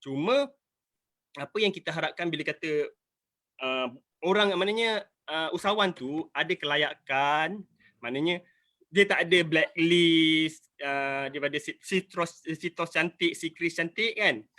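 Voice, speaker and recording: Malaysian man in his 40s, high and bright voice, entrepreneur pleading his case on a video call. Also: measured pace. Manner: emphatic, rambling, repeating himself. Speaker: entrepreneur asking questions. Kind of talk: earnest appeal in an online business talk.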